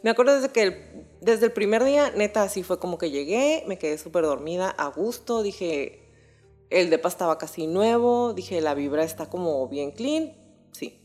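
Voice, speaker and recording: A young woman with a Mexican accent telling a personal story on a podcast in a casual, animated way, full of slang and swearing. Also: on the low side, moderate pace, soft background music. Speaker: podcast host.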